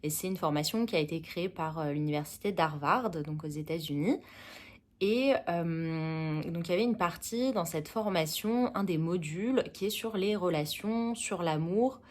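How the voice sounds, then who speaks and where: A young woman from France calmly telling a personal story to camera, pausing often to think. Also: lowish voice. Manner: calm, thoughtful, with many pauses and "euh"s. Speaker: travel vlogger.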